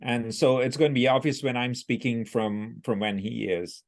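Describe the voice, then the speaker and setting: A man's voice: mid-range voice, steady tone, normal speed, gravelly. A middle-aged man talking as a podcast guest, explaining things plainly in casual interview chat. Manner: plain, explanatory, some restarts. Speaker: guest, business owner.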